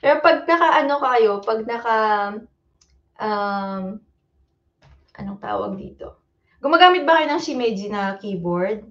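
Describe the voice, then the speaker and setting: A woman's voice: fairly high pitch, expressive, unhurried, long pauses, a bit bright, highs cut off. A woman with a Filipino accent teaching a casual livestreamed exam review, mixing Tagalog and English and repeating fillers like "ayan" and "okay". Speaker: Japanese language teacher.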